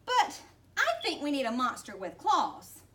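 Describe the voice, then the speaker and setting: A woman's voice: sits high, huge pitch swings, measured pace, pushed and bright, voice pushed up, heavily acted. A woman voicing a small, fearless girl in a picture-book reading, chirpy and bossy. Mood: cheery. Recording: distant mic, faint background noise.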